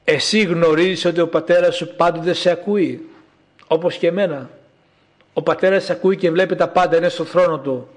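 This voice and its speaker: A man preaching a sermon in a slow, emphatic way, repeating his calls. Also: a little high, fairly even intonation.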